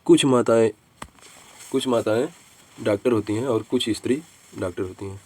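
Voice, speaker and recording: A man's voice: on the low side, normal speed, a little mellow. A man with a Hindi accent teaching an exam reasoning lesson, talking through each step and repeating it, and calling his viewers friends.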